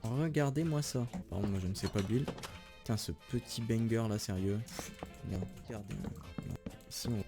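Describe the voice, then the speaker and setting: A young man giving casual, slangy, excitable commentary over his gameplay, switching to voice-over narration between clips. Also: fairly low pitch, normal speed, music in the background. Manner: chatty, slangy, excitable, laughs often. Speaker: gaming YouTuber.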